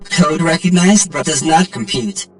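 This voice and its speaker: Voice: medium pitch, unhurried, faint music behind, rough recording. An actor voicing a malfunctioning ship robot with a glitching robot voice and clipped, mechanical phrasing. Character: malfunctioning ship robot with flat, repeating alarms.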